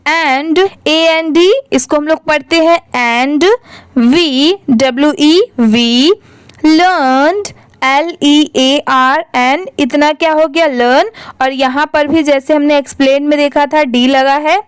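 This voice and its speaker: High-voiced woman teaching reading slowly. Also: steady tone, no echo, studio quality. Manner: spells words letter by letter, asks and answers own questions. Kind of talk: slow spelling-out reading lesson.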